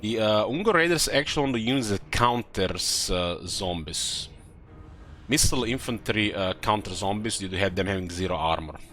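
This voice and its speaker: A man giving casual, halting commentary on a strategy game as he plays, thinking aloud. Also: lowish voice, lively intonation, a bit bright. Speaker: gamer commentating own play.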